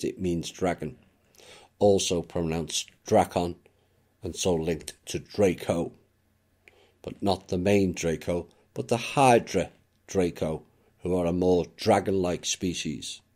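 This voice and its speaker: A man with a deep, low voice talks through a reflective monologue at a very slow, deliberate pace. His tone is mellow and dark, and he drops in occasional offhand asides. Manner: measured, unhurried, with occasional asides. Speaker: esoteric channel narrator.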